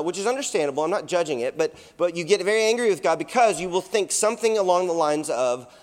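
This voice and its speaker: Male chaplain, thirties, relaxed chapel sermon, lots of ums and restarts, slightly high voice, reverberant hall. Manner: conversational, many fillers and restarts. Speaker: school chaplain. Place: school chapel.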